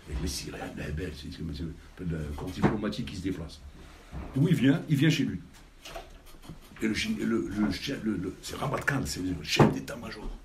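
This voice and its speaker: A man with a low voice gives a storytelling sermon as a rabbi. He tells it with animation, often repeating and tripping over his words. Steady background noise runs under the recording. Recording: noisy background.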